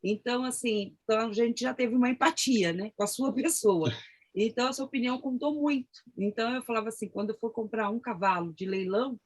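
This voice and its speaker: A middle-aged woman with a Brazilian accent, a horse breeder chatting and telling stories in a lively way, often laughing. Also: a little high, a little fast. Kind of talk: casual conversation.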